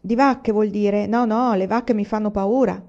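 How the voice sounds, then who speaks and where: A woman's voice: mid-range voice, steady tone, measured pace, mellow, highs cut off, pitched above the performer's own voice, close to an everyday voice. A woman voicing a humble, down-and-out tragic actor.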